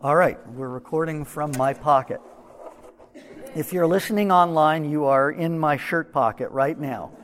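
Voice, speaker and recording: A man with a fairly high voice talks through scripture in a relaxed, explaining way, adding asides as he goes. The sound is muffled, as if picked up from inside his shirt pocket. A long reverb trails behind him from a large hall. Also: a little slow, a little hiss or hum. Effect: muffled, recorded from a shirt pocket. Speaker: Bible teacher. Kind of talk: verse-by-verse Bible teaching.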